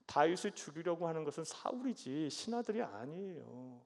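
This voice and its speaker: A man preaches a sermon in a slightly high voice, asking his congregation questions and answering them himself with a short "yes." His words carry through a church sanctuary with a long reverb tail. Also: sing-song, normal speed, gravelly, darkish tone. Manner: asks the congregation questions, affirming "예" often. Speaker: pastor.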